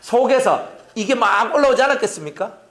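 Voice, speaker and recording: A man's voice: extremely high pitch, animated, brisk, fairly bright tone. A male pastor preaching a sermon, often acting out quoted voices and talking with his congregation. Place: church.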